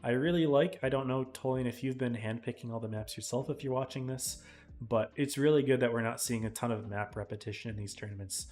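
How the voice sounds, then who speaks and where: A man casting a live esports match in a casual, chatty way, his voice tiring and often clearing his throat. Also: medium pitch, a little fast, darkish tone. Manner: casual, chatty, talks to chat viewers. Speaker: esports caster.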